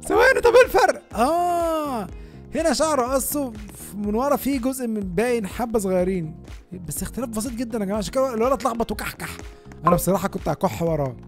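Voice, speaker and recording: An Egyptian man rattles off gaming commentary at a quick clip, chatting straight to his viewers. His pitch leaps up and down as he reacts. Faint music plays underneath his voice. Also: animated. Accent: Egyptian Arabic. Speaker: gaming YouTuber.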